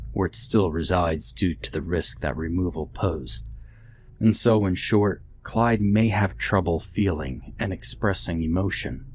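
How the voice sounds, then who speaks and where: A man voicing a cold, irritable young male doctor with a gravelly, slightly shaky voice in a narrated horror story. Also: low-pitched, a little hiss or hum, close to an everyday voice. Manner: cold, clinical, curt.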